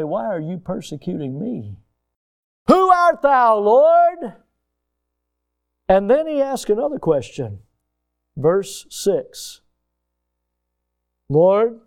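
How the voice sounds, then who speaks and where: Man, sermon, high-pitched voice, emphatic, builds to loud peaks. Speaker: preacher.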